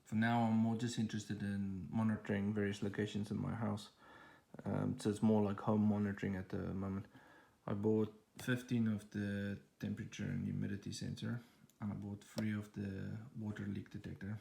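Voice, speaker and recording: A man with a fairly low, gravelly and mellow voice speaks flatly at a moderate pace. He's a tech channel host casually walking through an unboxing at home, rambling with fillers and restarts while holding his phone in one hand to film.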